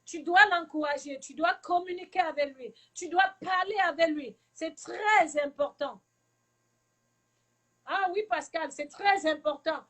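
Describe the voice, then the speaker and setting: A woman's voice: very high voice, measured pace, fairly bright tone. A woman from Cameroon, a teacher, giving earnest advice to parents in a live talk and repeating her key points for emphasis.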